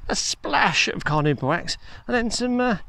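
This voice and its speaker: Man vlogging on a walk, rambling and self-deprecating, slightly higher voice, handheld phone mic outdoors. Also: expressive, moderate pace, gravelly, pushed and bright, slight background noise. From England. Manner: rambling, chatty, self-mocking. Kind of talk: casual walking vlog chat. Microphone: handheld phone camera.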